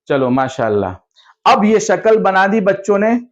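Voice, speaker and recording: A man with a notably high voice trains madrasa teachers by acting out a lesson. He asks questions and answers for the children, patient and encouraging, repeating each step. The recording sounds dull and lo-fi. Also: very animated, measured pace. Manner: acts out classroom exchanges, asking children questions and answering for them.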